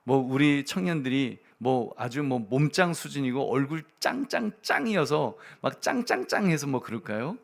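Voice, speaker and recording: Male pastor, mid-pitched voice, chatty sermon delivery that drops to near-asides and rises to emphatic peaks. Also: sing-song, moderate pace, gravelly, hardly any pauses. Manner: conversational preaching, addresses the congregation often, chuckles; swings between soft asides and loud emphatic peaks.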